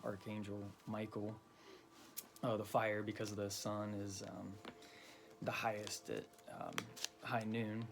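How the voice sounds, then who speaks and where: Low, flat-voiced man teaching casually. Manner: loose and halting, many ums and you-knows. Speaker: occult teacher. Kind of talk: casual explanatory lesson.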